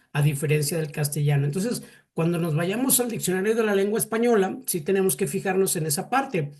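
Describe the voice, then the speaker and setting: Man, Mexican accent, classroom teacher, halting, repeats words, quizzes students. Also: sits high. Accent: Mexican Spanish. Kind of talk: classroom lesson.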